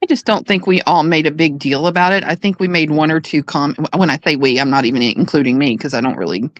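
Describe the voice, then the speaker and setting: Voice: mid-range voice, fast talker, no echo, muffled recording. A person on a live online panel, speaking in a dismissive, matter-of-fact way.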